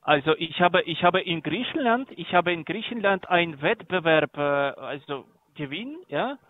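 A man with a fairly high voice talks haltingly over a thin, phone-like line and keeps restarting his words. German is not his native language. The sound is narrow and boxy, as if it comes through a phone receiver. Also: lively intonation. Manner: halting, repeats words often. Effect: tinny phone line. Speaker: prank call target.

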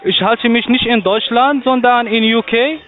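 High-voiced man on a phone line. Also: faint music behind. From Portugal. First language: Portuguese. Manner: halting, broken German, long-winded. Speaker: call center agent. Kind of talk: phone sales call.

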